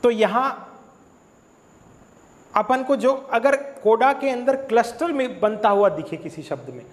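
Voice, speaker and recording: A man's voice: very high-pitched, lively intonation, roomy sound, long reverb tail. A man with a Hindi accent giving an exam-prep lecture, explaining step by step and posing questions to himself before answering them. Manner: explains slowly, asks and answers his own questions. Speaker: English exam tutor. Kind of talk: classroom-style lecture.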